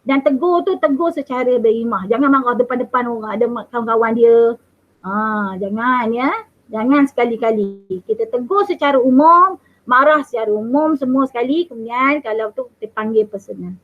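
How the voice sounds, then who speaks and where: A woman in her fifties with a Malaysian accent, a mathematics teacher, answers interview questions firmly and emphatically. Her voice is a little high and fairly quick, and the audio sounds tinny, like a phone call.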